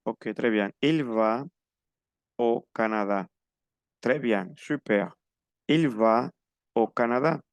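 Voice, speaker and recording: A man's voice: mid-range voice, slow, long pauses, clear, resonant tone, no room sound. A man teaching a French class to Spanish speakers, explaining patiently and spelling out pronunciation. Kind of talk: online class instruction.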